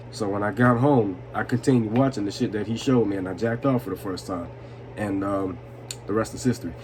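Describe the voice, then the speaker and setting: A man in his twenties telling personal stories in a casual, profane, slangy way, tipsy and rambling with chuckles. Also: mid-range voice. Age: 20s. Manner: slangy, repeats "you know what I'm saying". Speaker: storytelling vlogger. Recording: noisy room with steady background noise.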